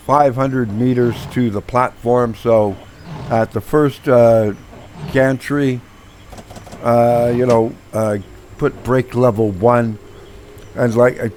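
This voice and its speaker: A man with a hoarse, mid-range voice, which he admits he's losing, rambles through casual gameplay chatter on his own channel, stumbling over fillers and restarts. A little background noise can be heard.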